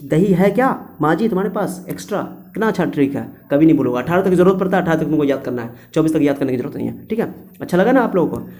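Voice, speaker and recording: Chatty male teacher, mellow voice. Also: fairly high pitch, expressive, rapid-fire. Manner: chatty, acts out voices in the story. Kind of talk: explaining a memory trick to students.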